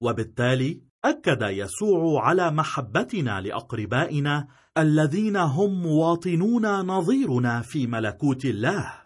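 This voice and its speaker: A man narrates a scripted theology lesson at a measured, formal pace. His voice is husky, and his pitch rises and falls with a lot of life. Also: big pitch swings. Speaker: lecturer narrating a theology course.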